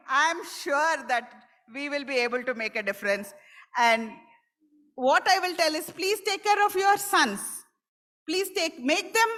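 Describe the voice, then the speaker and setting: A woman's voice: high-pitched, fairly bright tone. A woman giving a formal conference speech, earnest and emphatic, repeating points for stress. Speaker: conference speaker.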